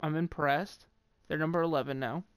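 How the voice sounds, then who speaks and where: A man with a New England accent talks through his football picks in a loose, opinionated ramble and often stumbles and restarts mid-sentence. His voice sits a bit high and sounds smooth and clear. It is recorded close and dry, with no room sound. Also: fairly even intonation, moderate pace, dry recording. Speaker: sports commentator ranking football teams. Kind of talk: casual solo sports commentary.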